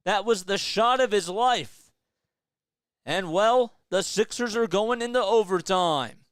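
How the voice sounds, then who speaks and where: A young man doing live fan play-by-play of a basketball game, excitable, yelling at big plays and dropping to a hushed mutter between them. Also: high-pitched, measured pace, clean tone, dry recording, clean studio sound.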